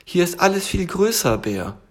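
A man voicing a small, eager, excitable male tiger in a bedtime storybook reading, gushing with wide-eyed delight. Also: high voice, normal speed, voice pushed up, full character voice.

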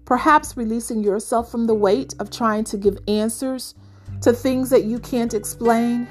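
A woman hosting a reflective devotional talk, speaking gently and measuredly with pauses. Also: fairly high pitch, fairly even intonation, faint music behind. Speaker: podcast host.

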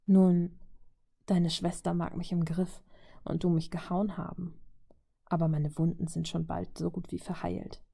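A woman's voice: lowish voice, level tone, measured pace, gravelly, mellow, husky, exaggerated voice. A woman reading the lines of a defiant, provocative young woman in a German fan-fiction story. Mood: taunting. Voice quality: taunting, sly.

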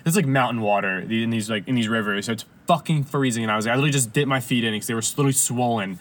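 A man telling a long story in casual chat, animated and full of swearing and laughter. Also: medium pitch, very fast.

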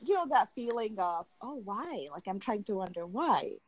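A young Tanzanian woman, appearing as an interview guest, speaks at a moderate pace in a sing-song, mid-range voice with no echo. In this candid personal interview she reflects on her own experiences in a friendly way, using plenty of filler words.

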